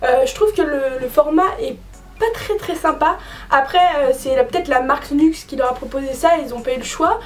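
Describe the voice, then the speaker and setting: Chatty high-voiced young woman vlogger. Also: normal speed, recorded from a distance, faint music behind. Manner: chatty, frank, many fillers. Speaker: beauty vlogger. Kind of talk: casual product review.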